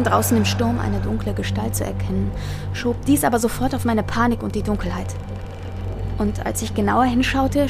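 Woman narrating a creepy story, soft music. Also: mid-range voice. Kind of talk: scripted horror story narration.

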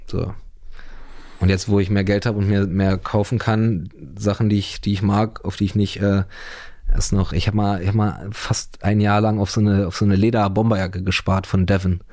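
A man's voice: on the low side, little pitch movement, moderate pace, darkish tone, dry recording, clean studio sound. A man, chatting casually in a rambling, slangy way full of fillers. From Berlin, Germany. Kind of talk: casual chat.

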